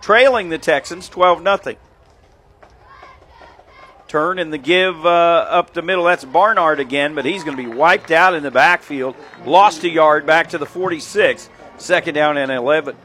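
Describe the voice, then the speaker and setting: Male radio play-by-play announcer, high and bright, excitable on long runs. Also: slight background noise. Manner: rapid excited calls of plays, counting yard lines. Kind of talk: local radio football commentary.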